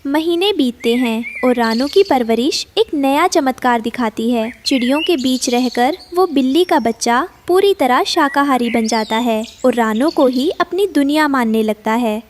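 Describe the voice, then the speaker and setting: A woman's voice: high voice, animated, measured pace, few pauses, slight background noise. A woman giving scripted, dramatic narration of a children's cartoon story.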